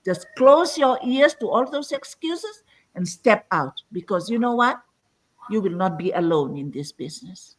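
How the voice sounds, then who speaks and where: An earnest woman in her sixties from Fiji speaks as a guest on a live-stream interview. She talks at a middle pitch and leans on "you know" between her thoughts. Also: lively intonation, measured pace, rough recording. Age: 60s. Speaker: guest entrepreneur.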